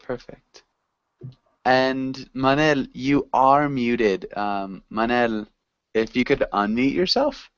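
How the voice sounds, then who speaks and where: A man's voice: medium pitch, takes it slowly, clean tone, no echo. Patient male teacher on a video call. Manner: friendly, patient, encouraging. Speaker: online English teacher. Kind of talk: online class teaching. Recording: dull video call audio.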